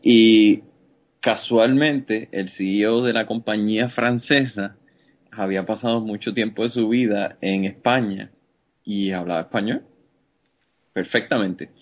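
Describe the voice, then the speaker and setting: Lowish male co-host, relaxed anecdote teller, slightly dull sound. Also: unhurried. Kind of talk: casual chat.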